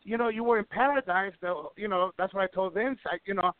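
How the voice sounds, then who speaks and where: A man's voice: high-pitched, fairly quick, no room sound. A middle-aged man from Ecuador telling wrestling stories in a casual radio interview, rambling with many restarts. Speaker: wrestling promoter and guest. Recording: tinny phone line.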